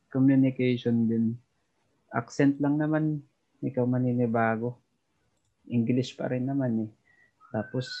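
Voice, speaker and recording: A man from the Philippines talks casually as a podcast guest about life working abroad, chuckling now and then. His voice sits at an ordinary pitch, and the recording sounds dull and lo-fi. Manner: chatty, chuckles while talking. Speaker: overseas worker guest.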